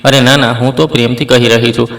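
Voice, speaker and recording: A man's voice: mid-range voice, level tone, fast talker, vocal fry, fairly bright tone. A man voicing a sweetly condescending middle-aged mother-in-law who belittles her son's bride. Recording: roomy, distant mic.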